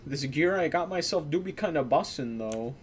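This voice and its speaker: A man of Eastern European descent streams a game, chatting casually and relaxed with viewers and swearing now and then as he plays. His voice is on the high side at a moderate pace, with a little hiss or hum in the recording.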